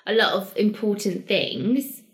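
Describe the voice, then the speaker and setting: A woman's voice: medium pitch, expressive, unhurried. A young British woman with a mid-range voice chats as a podcast co-host. She talks casually and explains her reasoning as she goes. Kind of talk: casual conversational chat.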